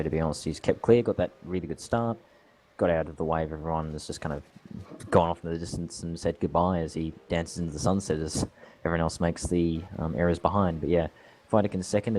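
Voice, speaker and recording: Australian male race commentator, low voice, chatty and rambling, light background noise. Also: a little mellow. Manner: chatty, laughs often, rambling asides. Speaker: sim racing commentator.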